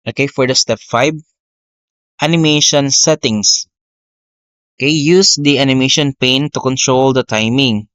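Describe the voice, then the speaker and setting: Man giving a plodding software tutorial. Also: mid-range voice, measured pace, pauses often, smooth, no room sound. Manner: step-by-step, frequent "okay" and "uh" fillers, self-corrections. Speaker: teacher. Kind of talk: screen-recorded software tutorial. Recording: dry, dull lo-fi mic.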